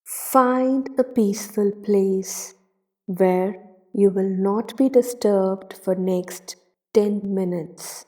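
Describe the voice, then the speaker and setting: A woman narrates a guided meditation in a mellow, medium-pitched voice. Her manner is soothing and deliberate, with long pauses separating short phrases.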